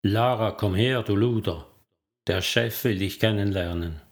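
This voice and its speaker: A man's voice: sits low, fairly even intonation, takes it slowly. A man voicing a harsh, irritable woman who calls out contemptuously.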